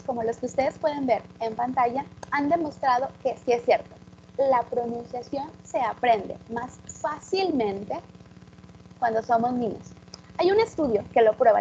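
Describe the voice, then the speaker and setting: Lady teacher giving a talk, high voice, talks right to the crowd, kinda muffled w/ a little hum. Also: darkish tone. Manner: explanatory, addresses audience directly. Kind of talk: public talk to an audience.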